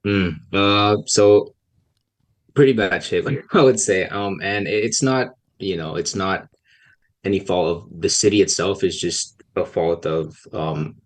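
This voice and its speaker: A young Pakistani man who works as a policy researcher answers questions in a relaxed podcast interview. His deep voice is soft and hesitant, broken up by many pauses.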